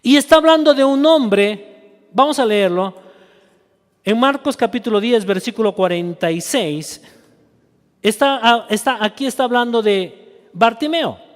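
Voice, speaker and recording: A man preaching a sermon with passion, acting out quoted voices and restarting often. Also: high voice. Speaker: pastor. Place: church. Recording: long reverb of a church hall.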